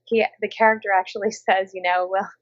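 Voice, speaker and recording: An audiobook narrator from Minnesota, USA, chats casually in an interview about her narration work, talking a little fast in a mid-range voice. She's animated and often slips into the voices of the people she quotes. The audio sounds slightly dull and lo-fi, like a remote call.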